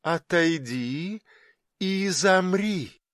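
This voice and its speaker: Sinister, commanding undead-like woman, put on by a male narrator; slow, icy delivery, dry close sound. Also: a little high, clear, resonant tone, no room sound. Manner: cold, mocking, imperious. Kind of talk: audiobook reading.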